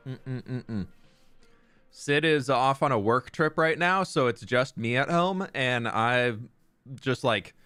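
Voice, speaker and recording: A man's voice: mid-range voice, unhurried, pushed and bright, clean tone, no echo. Young male streamer, easygoing and talkative, mid-range voice, reading chat aloud over faint music. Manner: upbeat, chatty, greets viewers by name. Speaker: live streamer. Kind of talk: casual live-stream chat while gaming. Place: room at home.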